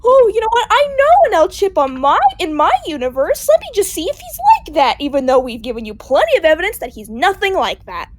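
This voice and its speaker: Woman playing a princess, bitter, sarcastic, high voice, dry sound. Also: sing-song, fairly quick, hardly any pauses, dry recording. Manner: sarcastic, accusing, mocking. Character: bitter grieving young princess, sharp-tongued. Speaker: roleplay actor. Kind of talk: Minecraft roleplay acting.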